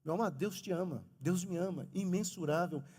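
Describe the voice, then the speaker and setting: High-voiced pastor preaching in a hall. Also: male voice, fairly quick, breathy edge. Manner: animated preaching, talks of his own stutter. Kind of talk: sermon. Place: church sanctuary. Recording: long reverb of a church hall.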